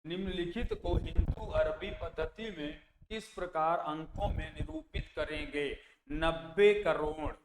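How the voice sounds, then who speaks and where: Man, math teacher, slow and deliberate, slightly high voice, reverberant hall. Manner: slow, repeats place values and asks then answers his own questions. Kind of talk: exam-prep math lesson. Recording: echoey room with long reverb, faint background noise.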